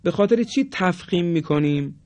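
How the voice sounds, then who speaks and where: A man teaching tajweed, explaining rules and slowly drawing out example words to demonstrate. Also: high-pitched, expressive, darkish tone, no echo. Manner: slow drawn-out demonstration of words. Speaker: Quran recitation teacher.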